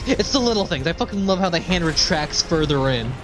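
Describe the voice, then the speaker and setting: A man livestreams video game cutscenes, offering casual, enthusiastic and sweary commentary in an expressive, fairly quick voice on the high side. The cutscene music and dialogue play loudly behind him.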